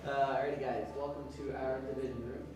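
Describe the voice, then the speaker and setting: A man's voice: mid-range voice, level tone, a little fast. A man working as a cave tour guide, welcoming the group casually with fillers inside a large cave with heavy cave echo. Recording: echoey cave, voice from far off, music behind.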